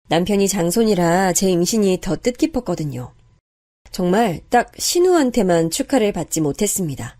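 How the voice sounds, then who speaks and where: A woman narrating a first-person true-life story in a calm, confiding way. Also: mid-range voice. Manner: calm, confiding, even-paced.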